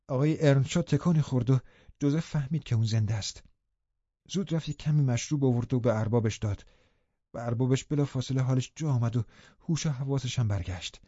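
A man's voice: medium pitch, dark tone, dry recording, muffled recording. A man narrating a classic novel in first person as an audiobook, reading expressively and dramatically.

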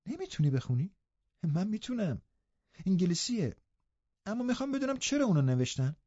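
A forthright, curious young girl from a storybook, voiced by a man pitched well above his own voice and kept quiet. She asks with earnest wonder. The dull, lo-fi recording has little room sound. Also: sing-song, no echo. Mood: puzzled.

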